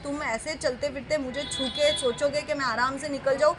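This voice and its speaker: A woman in her thirties giving an on-street interview, telling her account forcefully and emphatically. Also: sits high, fairly even intonation, moderate pace. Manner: forceful, indignant, emphatic retelling. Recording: noisy street ambience.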